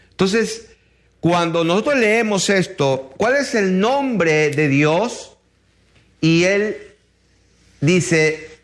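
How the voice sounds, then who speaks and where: A man preaching a sermon, reading scripture aloud and asking his listeners rhetorical questions in a slow, emphatic way. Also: on the high side. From Chile.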